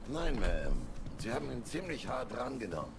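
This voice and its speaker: A man's voice: mid-range voice, sing-song, moderate pace, gravelly, noisy background. An actor playing a deferential male gangster henchman reporting to his boss in a video game. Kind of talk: video game acting, German dub.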